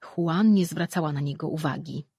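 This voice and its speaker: Audiobook narrator, steady scripted narration, husky, dry recording. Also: medium pitch, moderate pace, dry recording.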